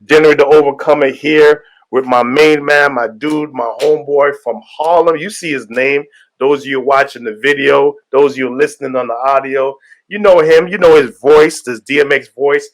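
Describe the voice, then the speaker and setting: A man's voice: medium pitch, fairly even intonation, moderate pace. A man and pastor hosting a casual podcast, greeting listeners with hype and rambling through his points. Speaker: host and pastor.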